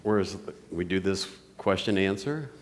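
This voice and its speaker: A man's voice: sits low, animated, normal speed. A man giving a public lecture and taking questions from the audience. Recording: crowd murmur and noise in a hall.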